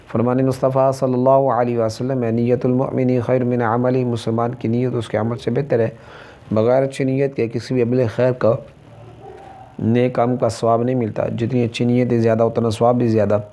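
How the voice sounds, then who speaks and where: A man's voice: medium pitch, warm tone. A man with a Pakistani Urdu accent teaching a Quran reading lesson, opening with Arabic recitation and then spelling out letter names one at a time.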